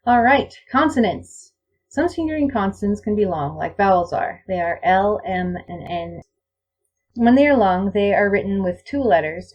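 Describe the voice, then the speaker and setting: Woman language teacher, husky voice, mid pitch, deliberate word-by-word examples. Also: a little mellow, poor audio. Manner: reads out example words one by one, slow and deliberate. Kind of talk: slide-show lecture on pronunciation.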